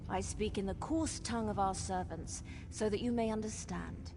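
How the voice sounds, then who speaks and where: A woman's voice: medium pitch, moderate pace, vocal fry, noisy background, close to an everyday voice. A woman playing an ancient, solemn female guardian who speaks in formal, commanding declamations in a fantasy video game. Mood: solemn, imperious.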